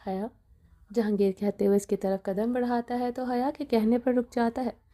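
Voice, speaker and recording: A woman reading a romantic novel aloud as narrator, in a steady, expressive storytelling style. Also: fairly high pitch. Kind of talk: scripted narration.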